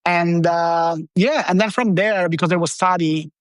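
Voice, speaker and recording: An Italian man in his thirties speaks with an Italian accent as a podcast guest, chatting casually in a loose, rambling way full of fillers. His voice sits high and resonant, clear at a normal pace. The studio-quality recording has no room sound.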